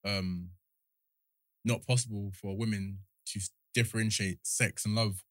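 Young man, London roadman accent, lowish pitch, very dry recording, slangy, discursive, casual conversation. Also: steady tone, a little slow, a bit bright, no echo. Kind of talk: casual chat.

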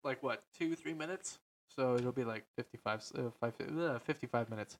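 Male, deep voice, slightly stuffy nose, casual podcast host, unscripted, hesitant, rambling, self-correcting. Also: moderate pace. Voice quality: slightly stuffy, nasal sound. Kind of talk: casual unscripted podcast talk about games and films.

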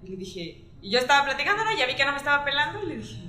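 A woman's voice: high voice, rapid-fire. A woman with a Mexican accent telling a story in casual chat, acting out the voices of the people in it. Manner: animated storytelling, acting out quoted dialogue. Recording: roomy echo, faint music.

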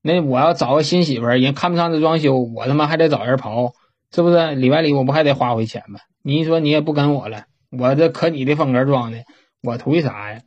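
A man's voice: mid-range voice, fast, slightly rough, dull audio. A man, telling a story in a folksy, casual way and swearing offhandedly.

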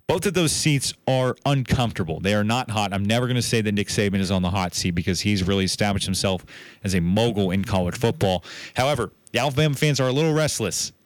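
Low-voiced man calling football picks. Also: no room sound. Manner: brisk, confident picks with a self-correcting aside. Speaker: sports show host. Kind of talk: college football bowl predictions.

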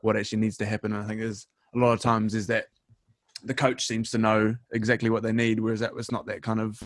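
A man's voice: on the low side, monotone, fast talker, no echo, studio quality. A young man with a New Zealand accent hosting a casual interview in an informal, matey way. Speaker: interviewer, host.

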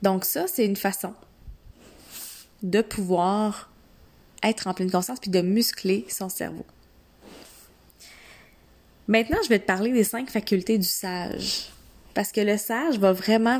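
A woman with a Quebec French accent speaks slowly at an average pitch, like a coach guiding a single listener. She gives instructions in short, deliberate phrases and often repeats them for emphasis. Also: darkish tone. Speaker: mindset coach. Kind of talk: instructional coaching talk, addressing one listener informally.

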